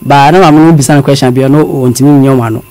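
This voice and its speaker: A man from Ghana telling his story as a guest, halting and repeating words, mixing in English phrases. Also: mid-range voice, steady tone, mellow, no echo. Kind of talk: confessional storytelling.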